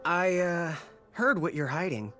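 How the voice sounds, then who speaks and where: A man's voice: a little high, expressive, unhurried, a bit bright, soft background music. An actor playing a good-natured young male knight in a video game, wry and a little hesitant.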